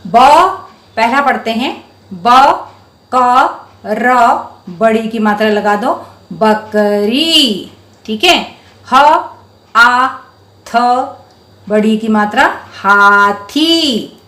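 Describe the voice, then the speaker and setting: A woman teacher with a fairly high voice speaks slowly to small children. She stretches each syllable as she sounds out words. The room around her is echoey. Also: bright, forceful tone. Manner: patient and encouraging. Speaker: primary school Hindi teacher. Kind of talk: slow, clear teaching to young children.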